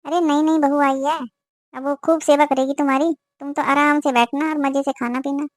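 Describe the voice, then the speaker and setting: A woman's voice: high voice, fairly even intonation, moderate pace, no echo, clean studio sound, lightly acted. A woman voicing an older, meddling village auntie who gossips and gives warnings in a cartoon. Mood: chatty. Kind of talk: cartoon voice acting.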